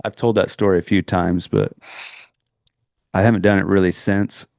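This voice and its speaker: A man's voice: low-pitched, level tone, normal speed, vocal fry, darkish tone, no room sound, clean studio sound. A middle-aged man co-hosting a podcast, telling a personal story in a rambling, earnest way with many restarts. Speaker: podcast co-host. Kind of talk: casual chat, storytelling.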